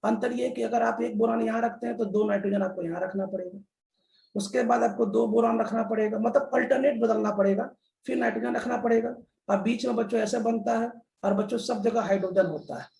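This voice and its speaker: A man's voice: sits high, steady tone, a little fast, gravelly, darkish tone, slight background noise. A man teaching a chemistry lesson in a classroom style, repeating key terms and often addressing the children. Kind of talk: classroom lecture. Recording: echoey room.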